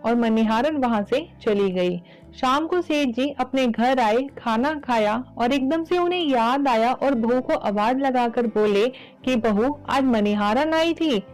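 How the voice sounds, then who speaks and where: Female host narrating a devotional tale, earnest and direct, higher-pitched, soft music under. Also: measured pace, rough recording. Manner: earnest, addresses listeners. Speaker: storyteller, channel host.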